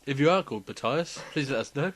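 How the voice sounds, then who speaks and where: A man's voice: mid-range voice, expressive, fast talker, fairly bright tone, slight background noise. A man taking part in a casual quiz chat, answering in a laid-back way with frequent chuckles. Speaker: quiz contestant.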